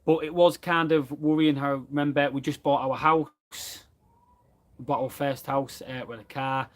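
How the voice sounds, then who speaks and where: A man's voice: fairly high pitch, steady tone, measured pace. A man, chatting casually about running his plumbing business in a live question and answer from his van. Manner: chatty and plain-spoken, reads out viewer comments. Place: inside a van.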